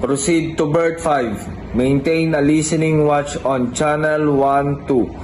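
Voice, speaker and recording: A man's voice on a marine radio call, working as a harbor traffic operator. His phrasing is clipped and measured, and his voice sits a little high for a man. The sound is roomy and echoey, with a faint hiss underneath. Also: fairly even intonation, a little mellow. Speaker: vessel traffic service operator. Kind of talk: formal marine radio procedure.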